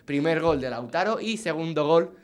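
A man's voice: fairly high pitch, moderate pace. Spanish man presenting football news. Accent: Spain. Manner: animated, jokey news delivery. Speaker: sports chat presenter. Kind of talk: casual football news chat.

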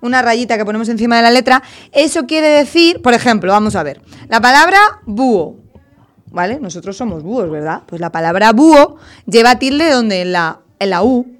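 Woman teacher, classroom lesson for little kids, slightly high, patient question-and-answer. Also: animated, moderate pace. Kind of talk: classroom lesson with young children.

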